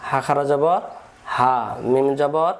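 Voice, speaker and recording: A man with a slightly high voice speaks slowly, with a faint hiss or hum in the background. He is teaching Quran reading as a slow, step-by-step recitation lesson, patiently spelling out letters, stretching the long vowels, and repeating each step.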